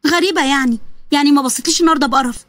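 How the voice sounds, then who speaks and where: Woman doing a teasing egyptian girl, high voice, chatters fast. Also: no echo, natural voice. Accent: Egyptian Arabic. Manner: teasing, excited. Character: lively young woman, teasing and caring.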